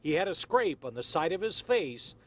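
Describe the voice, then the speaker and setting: High-voiced American male TV reporter. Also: sing-song, normal speed. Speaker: TV news field reporter. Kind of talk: live news report. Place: outdoors downtown, live shot. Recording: faint outdoor street noise.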